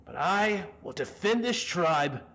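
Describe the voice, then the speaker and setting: A man's voice: high voice, lively intonation, slow pace, gravelly, muffled recording, heavily acted. A man doing a defiant old chief. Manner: defiant, forceful.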